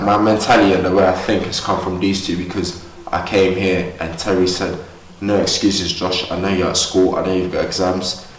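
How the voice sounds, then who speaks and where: A man's voice: sits low, roomy sound, distant mic, slight background noise, poor audio. A young man from Ghana, a boxer, talking earnestly and upbeat in a casual interview at a boxing gym. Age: young adult. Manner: earnest, upbeat, talks freely.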